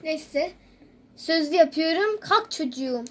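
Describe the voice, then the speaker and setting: A woman's voice: sits high, animated, measured pace, a bit bright. A girl playing a patient schoolteacher. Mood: flustered. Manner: playful pretend play with toys. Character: patient female classroom teacher. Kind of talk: toy role-play.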